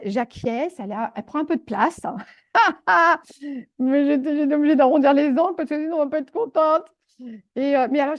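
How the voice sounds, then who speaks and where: A fairly high-pitched woman recounts her experiences in a relaxed, mellow tone, breaking off into exclamations and restarts. The audio is dull and lo-fi. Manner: animated, exclamatory, many fillers and restarts. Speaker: energy healer guest. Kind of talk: casual storytelling interview.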